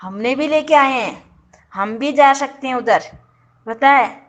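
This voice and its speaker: A woman with a high-sitting voice speaks unhurriedly over dull audio as a YouTube show commentator. Her casual, opinionated commentary is sarcastic and indignant, and she often breaks off to correct herself.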